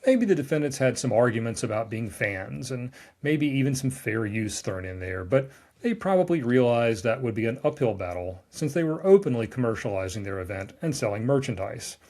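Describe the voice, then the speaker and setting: A man's voice: medium pitch, expressive, brisk, darkish tone. Wry man explaining law. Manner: wry, dry asides on legal trivia. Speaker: trademark lawyer recapping a newsletter. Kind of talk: scripted explainer narration.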